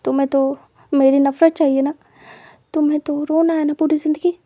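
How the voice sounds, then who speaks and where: A woman voicing a menacing, possessive young man who gloats and threatens in a quiet, low voice for a storybook reading. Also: level tone, normal speed, dry recording, muffled recording, close to an everyday voice.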